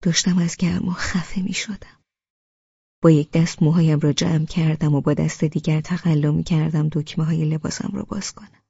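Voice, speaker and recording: A woman narrating an audiobook in the first person, in a hushed, intimate, half-whispered way. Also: sits low, fairly even intonation, vocal fry, slightly rough, no room sound, dull audio.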